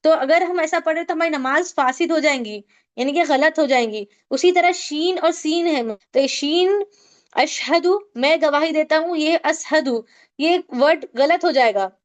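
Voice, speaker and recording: A woman with a high voice runs an online recitation class. She works through pronunciation rules step by step and keeps asking her students for answers. Her voice comes through a video call. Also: normal speed, lo-fi sound. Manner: explanatory, asks students questions. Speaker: tajweed teacher.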